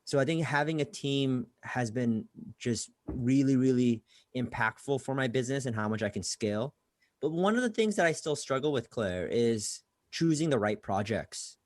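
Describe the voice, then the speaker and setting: A man's voice: medium pitch, lively intonation, normal speed, dry recording, clean studio sound. A man who was born in Bangladesh and grew up in California, a guest career coach talking casually in a podcast interview and often repeating words as he starts a sentence. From Bangladesh, raised in California.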